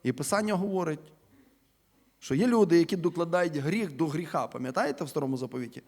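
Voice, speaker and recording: A man from Ukraine preaching a sermon in a church. He addresses the listeners as brothers and sisters, asks them rhetorical questions, and stresses key words loudly before letting his sentences fall away quietly. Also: a little high, lively intonation, fast. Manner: emphatic, rhetorical questions, swings between loud stresses and quiet falling endings.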